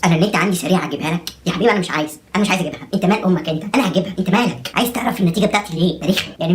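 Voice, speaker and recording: A young man with an Egyptian accent delivering a comic monologue as a vlogger, joking in a rapid-fire, exasperated way. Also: high-pitched. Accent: Egyptian Arabic. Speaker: comedy vlogger.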